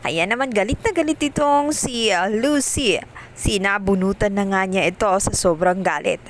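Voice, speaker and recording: A woman narrating a casual recap of a TV drama episode, telling the story quickly with many fillers. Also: mid-range voice, slight background noise.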